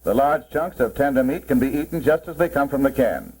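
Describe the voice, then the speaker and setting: A man's voice: mid-range voice, brisk, darkish tone, husky, close to an everyday voice. A man presenting as a proud company spokesman, narrating a 1940s promotional film in a formal, salesmanlike style. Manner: formal, salesmanlike, mid-century narrator delivery. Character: company man presenting his product with pride. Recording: muffled, worn 1940s film soundtrack.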